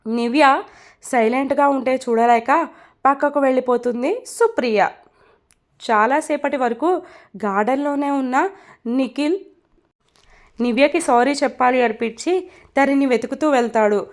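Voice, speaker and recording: A woman narrating a romance story in a scripted reading. She voices all the characters and tags each line with its speaker. Her voice sits high. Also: normal speed, long pauses. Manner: reads dialogue with inline speaker tags.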